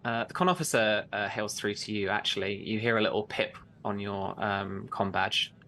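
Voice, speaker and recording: A man's voice: lowish voice, normal speed, sharp tone, a little hiss or hum. A man narrating as game master in loose, hedging talk full of "kind of" and "like".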